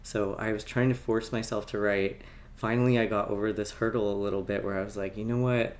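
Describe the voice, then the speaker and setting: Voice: mid-range voice, fairly even intonation, brisk. A chatty author talks straight to camera in a casual storytime vlog. The talk is self-mocking and full of laughs, and the speaker often slips into quoted worried thoughts. Between stories they hold up a tabbed book to show the camera.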